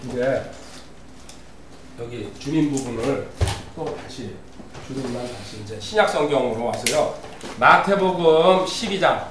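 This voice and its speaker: A man's voice: medium pitch, lively intonation, unhurried, pauses often, fairly bright tone, a little hiss or hum. A man preaching a sermon as a pastor, reading scripture aloud and putting questions to the congregation. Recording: roomy, distant, faint ambience.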